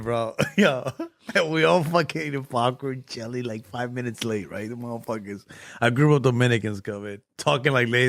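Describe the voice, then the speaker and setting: A man co-hosting a podcast, telling stories in a slangy, animated way. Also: medium pitch. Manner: animated slangy storyteller, yo and bro. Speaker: podcast co-host. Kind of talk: casual podcast chat.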